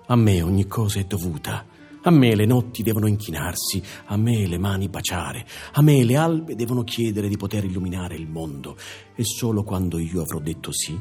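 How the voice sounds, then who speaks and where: A man's voice: lowish voice, darkish tone, close to an everyday voice. A man declaiming as a grandiose queen. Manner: solemn, declamatory, proclaiming. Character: grand self-crowned queen reciting her poem.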